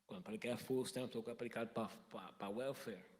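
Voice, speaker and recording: Halting man telling his testimony. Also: medium pitch, darkish tone, in a large hall. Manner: halting, with many restarts, slipping in English words. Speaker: church member giving a testimony. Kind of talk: personal testimony in an interview. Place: church.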